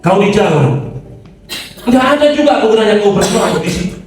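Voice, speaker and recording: A man's voice: high-pitched, expressive, fairly quick. Man, middle-aged, pastor, jokey conversational sermon, very echoey room. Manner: joking, conversational preaching. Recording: echoey hall, distant mic.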